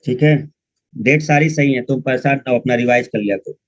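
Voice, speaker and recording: With a mid-range voice and a fairly quick delivery, a male history teacher explains things in an informal online lecture, scolding his students as he goes. The recording is dry, dull and muffled.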